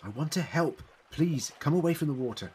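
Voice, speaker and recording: An actor in an audio drama playing a clever, compassionate time-traveling Doctor who pleads urgently. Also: male voice, on the high side, animated, a little fast, a little mellow, a little hiss or hum, lightly acted. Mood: urgent pleading. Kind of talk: fan audio drama acting.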